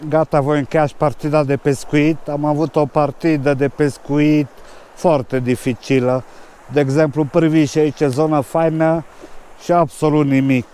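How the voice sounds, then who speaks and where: A man's voice: on the high side, little pitch movement, mellow, clear, resonant tone. A man, fishing on a mountain stream and giving casual commentary. He mostly mutters to himself, then speaks up to the camera. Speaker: fishing vlogger. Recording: rushing stream noise behind.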